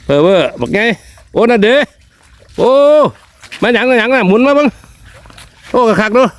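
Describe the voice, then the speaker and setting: A man's voice: very high voice, normal speed. A man with a northeastern Thai accent giving exclamatory outdoor vlog commentary, repeating short phrases as he goes. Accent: northeastern Thai (Isan). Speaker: vlog host. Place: outdoors in the countryside.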